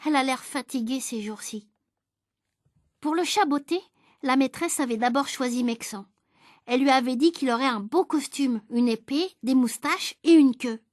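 A woman reading a children's storybook aloud in a lively, even-paced storytelling voice. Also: high voice, moderate pace, dry recording, studio quality.

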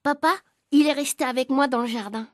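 A woman with a high voice reads a children's story aloud, narrating as a young boy in a lively, expressive way. The sound is close and dry, with no room echo. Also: brisk.

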